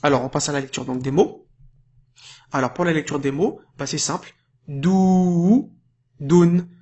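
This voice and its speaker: A man giving an informal lesson, patiently explaining, checking in often and drawing out syllables slowly when modelling sounds. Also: medium pitch, slightly rough. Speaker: Arabic reading teacher. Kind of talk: casual tutorial addressed to the viewer.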